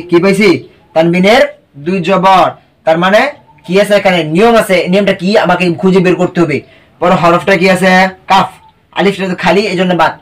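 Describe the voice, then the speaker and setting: A man teaching Quran recitation in an online class, spelling out letters and asking questions that he then answers himself. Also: high voice. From Bangladesh.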